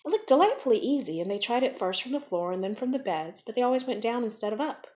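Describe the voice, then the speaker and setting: A woman narrating a classic children's novel in a lively, expressive storybook reading. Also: on the high side, fast talker. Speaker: audiobook reader.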